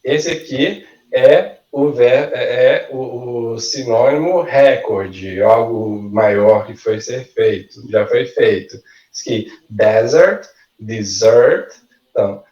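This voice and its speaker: Slow, patient male teacher. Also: mid-range voice, animated, darkish tone, reverberant, far from the mic, dull audio. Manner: slow, careful model pronunciations for students to repeat. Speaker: language teacher. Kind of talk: online workshop lesson. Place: video call.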